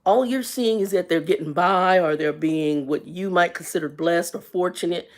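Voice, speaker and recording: A woman's voice: fairly low pitch, normal speed. A woman in her fifties telling a personal story on a casual livestream, candid and colloquial, with faith-based asides. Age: 50s. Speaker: livestream host.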